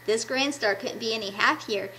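This children's ministry puppet presenter, a woman in her fifties, speaks on the high side at normal speed, sounding pushed and bright. She gives an enthusiastic devotional talk to kids via a webcam at arm's length in a small home room, with slight background noise.

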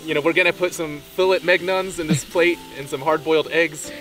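A man's voice: fairly high pitch, fairly even intonation, a little fast, fairly bright tone, faint music behind. A young man joking playfully with friends at an outdoor campsite. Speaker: camper. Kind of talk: casual chat.

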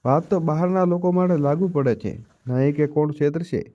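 A man voicing an elderly widowed mother who speaks softly and with quiet resignation, in a storybook reading. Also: a little high, normal speed, dull audio, lightly acted. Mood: gentle sorrow.

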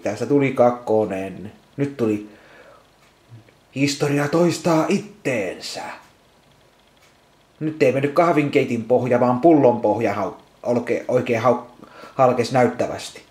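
A man rants into the camera at home, swearing and circling back over the same words as he stumbles along. His voice sits at an ordinary middle pitch, and the room around him rings with a clear echo. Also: a little mellow. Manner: swears constantly, repeats himself, restarts words. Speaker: vlogger. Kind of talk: angry rambling vlog rant. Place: at home indoors.

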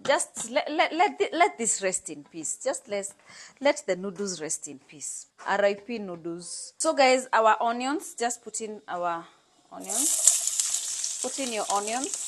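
A chatty cooking show host in her thirties, speaking with a Kenyan accent, demonstrates a recipe in her bright home kitchen and chats freely with viewers, mixing English and Swahili. Her slightly high voice has lively intonation and a somewhat slow pace, with a little hiss or hum in the background.

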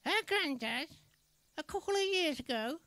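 Squeaky ventriloquist dummy boy. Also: lively intonation, moderate pace, bright, forceful tone, no echo, exaggerated voice. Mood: cheeky, chatty. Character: cheeky young boy ventriloquist puppet. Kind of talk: comedy ventriloquist patter.

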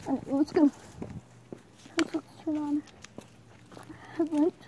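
A woman vlogger speaking through a gas mask, rambling excitedly with lots of fillers as she shows off her gear. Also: sits high, slow, background noise. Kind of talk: casual show-and-tell.

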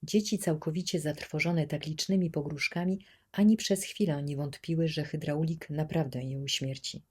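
A woman narrating an audiobook in a steady, measured storytelling manner. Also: deep voice, breathy edge. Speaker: audiobook reader.

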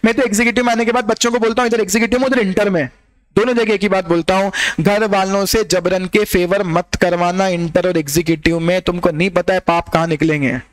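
A man with a high voice lectures a class as an exam coach. He teases his students and keeps throwing rhetorical questions at them, like a classroom talk. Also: fairly even intonation, fast talker. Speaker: exam-prep teacher.

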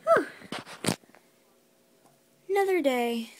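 A woman's voice: sits high, sing-song, drawn-out words. A woman making a toy play-acting video, chatty and muttering to herself as she voices a pony shopkeeper.

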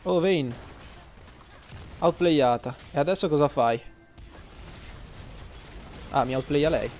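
A man's voice: on the high side, takes it slowly, a little mellow, soft background music. A man, streaming gameplay and ranting at his chat, swearing freely and teasing. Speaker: game streamer. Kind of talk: casual live-stream gameplay commentary.

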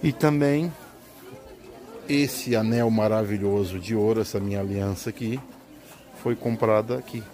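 With a dark, lowish voice, a middle-aged Brazilian man unhurriedly narrates a casual walking tour of a large indoor swap meet, pausing often. He films on a handheld phone while a busy crowd fills the background.

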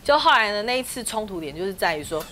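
A woman, telling a family story as a talk-show guest, with rapid restarts. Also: medium pitch, sing-song, bright, forceful tone, a little hiss or hum. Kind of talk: casual studio chat. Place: TV studio. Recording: TV studio with background music.

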